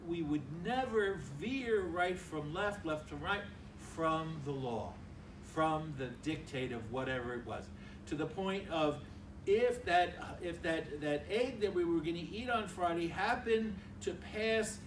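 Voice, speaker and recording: Speaking unhurriedly with a fairly high, expressive voice, an elderly priest delivers a homily at a lectern in a big church hall. He keeps it conversational and acts out small exchanges. The stand mic is filmed from far off, and there's a little hiss or hum.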